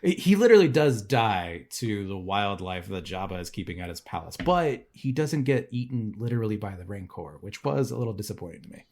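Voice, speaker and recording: Low-voiced man, joking podcast co-host. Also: big pitch swings, a little fast, few pauses, a little mellow. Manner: loose, joking retelling with frequent laughs. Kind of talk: casual chat.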